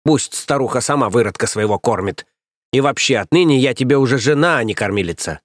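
A man voicing a coarse, scheming stout nursemaid woman who scolds and sneers in a raised, shrill voice. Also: expressive, a little fast, no room sound, natural voice. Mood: scolding. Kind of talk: audiobook character voice.

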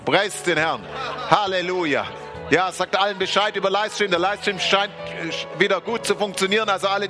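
Fervent preacher man, bright and high. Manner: fervent, repetitive exclamations, speaks in tongues. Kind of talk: charismatic sermon. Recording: faint music behind.

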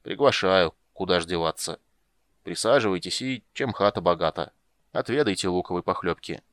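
A grumpy, wary halfling merchant who speaks grudgingly, as a male audiobook narrator puts him on. The voice dips lower than the narration and stays gruff. It is recorded dry and close. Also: moderate pace, fairly bright tone, no room sound. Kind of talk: audiobook character voice.

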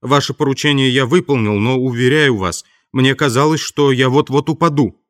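A man's voice: mid-range voice, normal speed, a bit bright, pitched above the performer's own voice, lightly acted. A man voicing a downtrodden male tramp who pleads and complains, close to tears, in an audiobook. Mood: pleading. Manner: plaintive, near tears.

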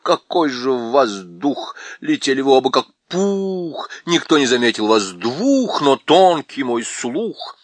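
Man doing a fussy she-owl, hooting, sing-song rhymes, lively, storybook, dry close sound. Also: medium pitch, takes it slowly, hardly any pauses, no echo. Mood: excited.

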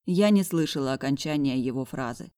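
A reader narrating a novel in the first person, with lively delivery of the dialogue. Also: mid-range voice, brisk, clear, resonant tone, no echo, clean studio sound. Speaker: audiobook narrator. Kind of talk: scripted narration of a romance novel.

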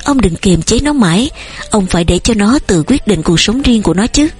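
A woman with a breathy voice reading the lines of a gentle, soothing middle-aged farm wife who pleads softly. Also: mid-range voice, animated, brisk. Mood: pleading. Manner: soft, pleading.

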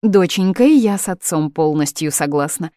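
A woman's voice: lowish voice, lively intonation, moderate pace, warm tone, dry recording, close to an everyday voice. A woman reading the part of a stern middle-aged mother, reproachful and indignant, in a dry, close recording. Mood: persuasive.

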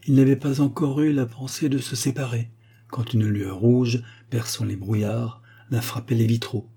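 A male narrator reading a historical novel aloud in a measured, literary manner. His voice is dark and mellow, with a husky edge. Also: medium pitch, steady tone. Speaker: audiobook narrator.

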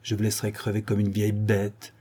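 A man's voice: lowish voice, monotone, fairly quick, warm tone, breathy edge. A man reading a furious farmer's daughter. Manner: ranting, insulting.

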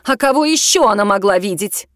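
A woman voicing a nervous, sharp-tongued young woman. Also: medium pitch, expressive, brisk, no echo, clean studio sound, close to an everyday voice.

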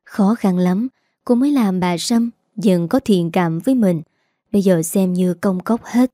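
Woman storyteller, gentle measured narration, warm tone. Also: mid-range voice, dry recording, studio quality. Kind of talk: storytelling narration with character voices.

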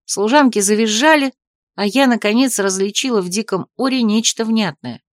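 Lady reading a fantasy novel first person, kinda wry and expressive, dry close sound. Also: fairly high pitch, normal speed, no echo. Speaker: audiobook narrator.

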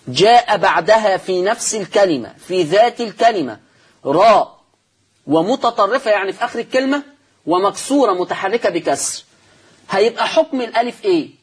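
A man with a high, slightly rough voice and an Egyptian Arabic accent teaches Quran recitation rules on a religious TV program. In this televised lesson he explains step by step, poses and answers his own questions, and repeats key terms.

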